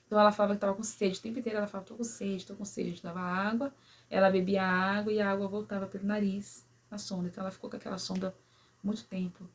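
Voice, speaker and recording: Breathy woman telling a personal story. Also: medium pitch, flat delivery, racing. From São Paulo, Brazil. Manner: emotional, many "né?" and "sabe assim?" tags, quiet at sad moments. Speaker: vlogger.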